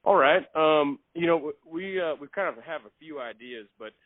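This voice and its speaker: A man making a phone call, polite and halting, often repeating his words. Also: on the high side, animated, no echo. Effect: heard over a phone line. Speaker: prank caller. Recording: thin, dry phone line.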